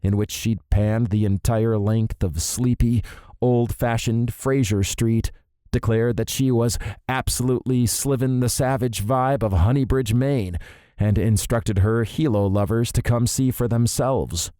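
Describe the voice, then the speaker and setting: A man's voice: mid-range voice, fairly even intonation, a little slow, mellow, clean tone, dry recording. A man narrating an audiobook in the first person, wry and sardonic, recorded on a close studio mic.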